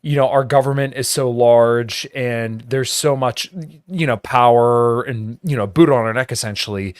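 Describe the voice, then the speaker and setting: A man's voice: mid-range voice, moderate pace, clean tone, no echo, clean studio sound. A man hosting a podcast, talking politics casually with lots of swearing and "you know". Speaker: podcast host.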